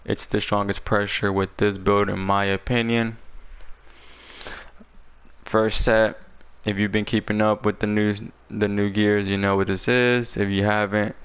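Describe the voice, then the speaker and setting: A man's voice: fairly low pitch, level tone, unhurried, a bit bright, clean tone. A man talking casually and in slang as he presents a game build guide, his voice a little parched from being sick. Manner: informal, slangy talk.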